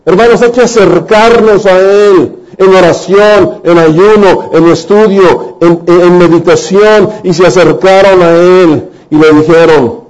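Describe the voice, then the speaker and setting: A man preaching a sermon, telling Bible stories in an animated way and acting out the voices. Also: high voice, unhurried, few pauses, lo-fi sound.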